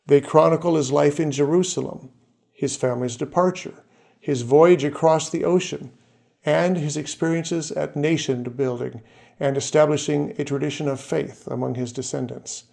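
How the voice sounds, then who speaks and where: Working through a list of names and facts, a series presenter delivers his scripted narration evenly and deliberately. His voice runs a little high and carries vocal fry.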